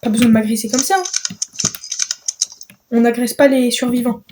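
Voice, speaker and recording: A woman talks through a video game with a fairly high voice, full of exclamations and stumbling repeats. Her let's play commentary jumps from gasps to quick remarks. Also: fairly even intonation, background noise. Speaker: gamer.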